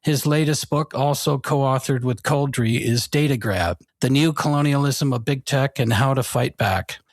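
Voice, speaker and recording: Male announcer, scripted podcast intro, formal and even, mid pitch, dry close mic. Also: moderate pace, dry recording. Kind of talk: scripted narration.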